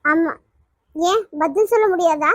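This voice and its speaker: A woman's voice: very high-pitched, a little slow, dry recording, clean studio sound. A woman voicing a hurt, suspicious young woman who insistently questions her lover in a cartoon. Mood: accusing. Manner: accusing, insistent. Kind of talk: cartoon voice acting.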